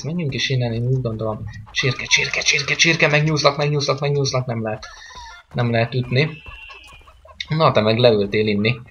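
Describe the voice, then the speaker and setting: A man's voice: mid-range voice, fairly bright tone, lo-fi sound, slight background noise. A man giving casual, rambling let's-play commentary on a game, joking and chatting with the game's characters. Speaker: gameplay commentator.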